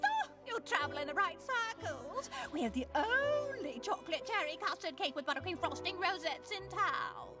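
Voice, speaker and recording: A sweet pony bakery owner. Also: female voice, very high voice, very animated, normal speed, few pauses, over loud music. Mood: friendly. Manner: sweet, welcoming shopkeeper chatter. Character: friendly chatty female pony bakery owner. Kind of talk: cartoon voice acting.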